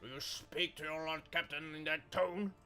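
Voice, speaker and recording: A man's voice: on the high side, fairly even intonation, normal speed, pushed and bright, faint music behind, voice pushed up. A man voicing a commanding lord captain who talks in a raised, indignant and imperious way.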